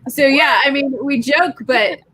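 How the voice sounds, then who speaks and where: A woman's voice: sits high, a little slow, bright, forceful tone, low-quality recording. A woman telling stories about homeschooling in casual chat on a live stream. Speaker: homeschooling parent guest.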